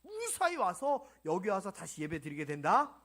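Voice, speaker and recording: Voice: mid-range voice, wildly swooping pitch, moderate pace, a bit bright, voice pushed down, heavily acted. A preacher voicing God, who speaks to Moses in a casual, reassuring way within a sermon.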